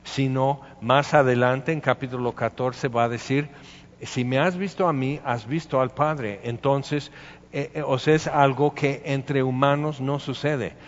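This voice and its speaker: A man's voice: mid-range voice, steady tone, unhurried, a little hiss or hum. A man preaching a sermon, conversational, acting out quoted voices with frequent restarts. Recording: dull echoey hall recording.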